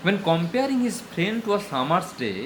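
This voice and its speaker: A middle-aged man with a Bengali accent lecturing as a high school English teacher, slow and deliberate in English, quicker in Bengali. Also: sing-song, slight background noise. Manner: switches between slow deliberate English and rapid explanatory Bengali. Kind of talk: classroom lecture.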